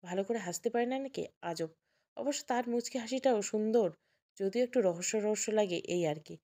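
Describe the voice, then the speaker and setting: A woman's voice: medium pitch, normal speed, mellow. A woman narrating an emotional romantic audio story in the first person, acting out the dialogue as she goes.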